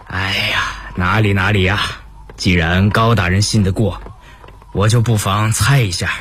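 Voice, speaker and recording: A sly, falsely modest minister. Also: male voice, lowish voice, steady tone, a little slow, fairly bright tone. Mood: coy. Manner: coy, evasive, falsely modest.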